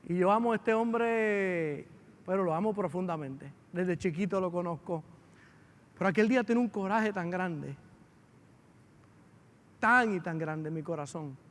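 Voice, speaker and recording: A man's voice: high-pitched, unhurried, pauses often. A man, a pastor telling a family story in a sermon, with emotion that builds as he goes. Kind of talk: sermon testimony. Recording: long hall reverb.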